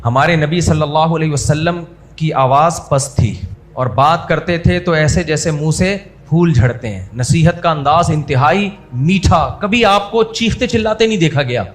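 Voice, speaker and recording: A man preaching in a conversational, humorous style, acting out scolding voices to make his points. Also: a little high. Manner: humorous, mixes in everyday English words. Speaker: Islamic preacher. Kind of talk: conversational sermon.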